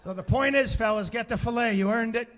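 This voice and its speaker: A middle-aged man doing stand-up comedy, telling an animated story, bursting into shouts and often asking "right?". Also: very high voice, brisk, slight background noise.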